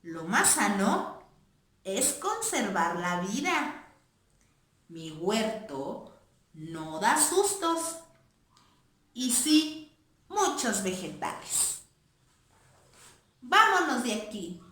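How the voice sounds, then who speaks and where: A woman voicing a timid, frightened male mouse in a children's play, squeaky and panicky, in an echoey room. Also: big pitch swings, drawn-out words, pauses often, fairly bright tone, heavily acted. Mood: cheerful.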